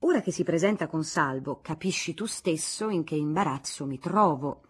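A woman voicing an old aristocratic duke who answers in a measured, apologetic tone, in a radio reading of a novel. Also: deep voice, lively intonation, slightly rough. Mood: evasive.

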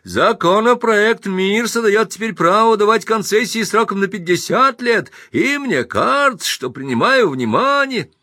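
A man's voice: extremely high pitch, animated, normal speed, no echo, studio quality, pitched above the performer's own voice, heavily acted. Man doing a frantic, cornered alderman. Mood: frantic protest. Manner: shouting, frantic protesting. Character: flustered middle-aged male alderman under attack.

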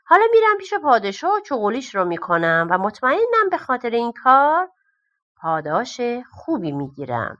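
A woman voicing a sly, greedy male miser in a storybook reading, sneering and shrill. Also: wildly swooping pitch, pushed and bright, highs cut off, heavily acted. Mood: scheming.

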